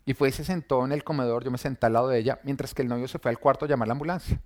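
A man's voice: medium pitch, steady tone, very fast, a little mellow. A man earnestly telling his personal faith testimony, recounting scenes and quoting what people said. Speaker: church member giving testimony.

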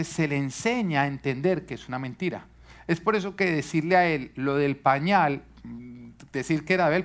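A man's voice: on the high side, a bit bright. A man preaching a sermon to a live congregation, teaching earnestly and asking the listeners rhetorical questions. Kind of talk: sermon on parenting.

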